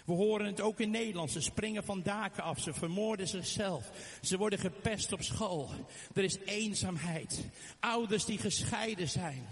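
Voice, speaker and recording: A male preacher delivers a fervent, emphatic sermon and scatters amens and hallelujahs through it. His voice sits high for a man. A long reverb trails behind him, as in a big hall. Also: moderate pace.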